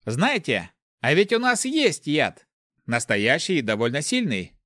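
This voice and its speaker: A man voicing an excitable, cheeky male thief in a storybook reading. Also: on the high side, unhurried, no room sound, studio quality, pitched above the performer's own voice, full character voice. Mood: excited.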